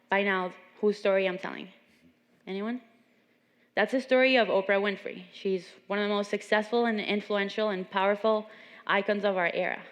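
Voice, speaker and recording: A young adult woman from Venezuela giving an earnest motivational talk at a seminar, telling stories. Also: mid-range voice. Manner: earnest, storytelling. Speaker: seminar speaker. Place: large gym. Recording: long reverb in a gym hall.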